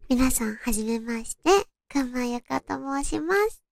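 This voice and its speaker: A woman's voice: sits high, unhurried, gravelly, dry recording, studio quality. A young woman with a cute, distinctive anime-like voice, hosting a casual solo talk and introducing herself in a polite, friendly way. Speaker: host of a solo audio show.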